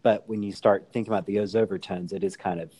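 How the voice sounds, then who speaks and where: A man's voice: on the low side, fairly even intonation, fast, mellow. A man from North Carolina co-hosting a podcast, chatting casually with dry sarcasm. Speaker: podcast co-host. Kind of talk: casual discussion.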